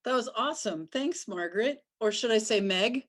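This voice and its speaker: A woman's voice: fairly high pitch, animated, moderate pace. Woman emcee, upbeat, introducing the next storyteller. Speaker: event host.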